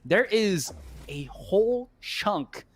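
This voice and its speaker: A man commentating live on an esports match as an excitable caster, exclaiming and throwing out rhetorical questions. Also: sits high, slow, a little hiss or hum.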